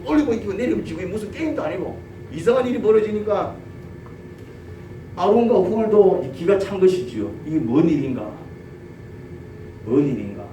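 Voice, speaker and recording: A male pastor with a Gyeongsang accent preaching a sermon, telling the story lively and asking his congregation questions. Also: high-pitched. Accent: Gyeongsang Korean. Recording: roomy church audio from a distance, faint noise.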